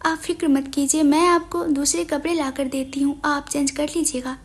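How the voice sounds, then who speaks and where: A woman reading the lines of a patient young woman who gently coaxes and soothes in a storybook romance. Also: high-pitched, fairly even intonation, normal speed, natural voice. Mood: soothing. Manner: soothing, coaxing.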